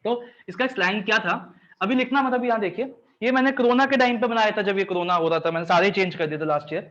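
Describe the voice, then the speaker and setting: A man with a high voice leads a live revision class, firing quick checks at his students and making them recite points back. The sound is dull and lo-fi. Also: fairly bright tone. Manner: checks understanding often, drills students by call and response. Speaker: teacher.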